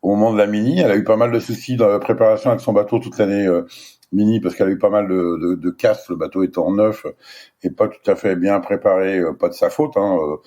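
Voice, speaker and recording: A man who directs sailing races speaks in a measured, assessing way during an interview. His voice sits fairly low. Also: fairly even intonation, mellow. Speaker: race director. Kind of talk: casual interview chat.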